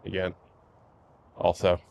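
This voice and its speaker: A man with a fairly low voice chats casually while out walking, recording a vlog. His delivery is flat and musing, with halting phrases. Faint outdoor noise sits behind him. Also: creaky. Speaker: vlogger. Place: outdoors, walking by lakes in a neighborhood before sunrise.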